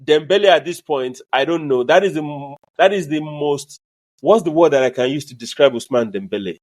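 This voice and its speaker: A man co-hosting a podcast, chatting casually about sports in an emphatic, lively, opinionated way. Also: on the high side, brisk. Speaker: podcast co-host.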